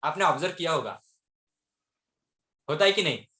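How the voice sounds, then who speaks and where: Guy teacher on an online class, bit high voice, keeps asking the kids questions back, echoey room. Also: lively intonation, moderate pace, bright, forceful tone. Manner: keeps quizzing students with repeated questions.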